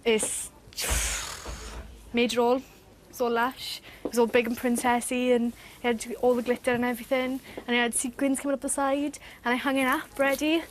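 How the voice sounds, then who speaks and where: A woman's voice: a little high, flat delivery, normal speed, slight background noise. A young woman chatting in a matter-of-fact way in a casual documentary interview. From Wales. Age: young adult. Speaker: pageant contestant.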